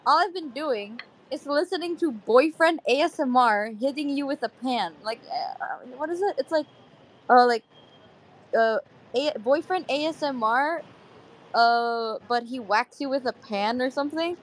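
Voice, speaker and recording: A woman's voice: high voice, unhurried. A woman in casual chat who is sick, giggling often and drawing out her reactions. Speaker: co-host of a live audio chat.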